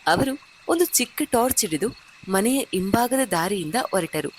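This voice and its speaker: A woman's voice: medium pitch, animated, normal speed, a little hiss or hum. Woman telling a suspenseful horror story. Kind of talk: scripted horror narration.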